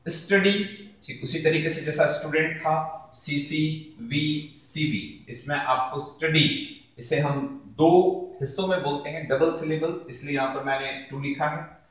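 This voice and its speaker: A man teaching a lesson, sounding out words slowly syllable by syllable. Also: fairly high pitch, fairly even intonation, a bit bright. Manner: slow, drawn-out word pronunciation drills. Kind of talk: classroom-style lesson explanation. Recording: echoey room.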